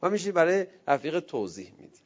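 A man giving a religious talk, telling a story with animated, emphatic delivery that swells to forceful peaks. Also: on the high side. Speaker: preacher. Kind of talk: religious lecture. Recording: dull lo-fi sound.

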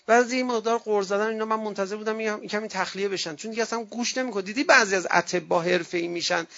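High-pitched gravelly guy preaching, bright edge, storytelling sermon, dull lo-fi recording. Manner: lively storyteller who acts out quoted voices. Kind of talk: conversational sermon with anecdotes.

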